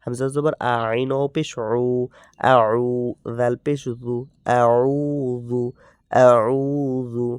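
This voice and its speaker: A Bangladeshi man teaching Quran reading, spelling out letters and vowel marks and repeating each word slowly in drills. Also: medium pitch, fairly even intonation, clean tone, no echo, clean studio sound. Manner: slow, drawn-out drilling with repeated syllables.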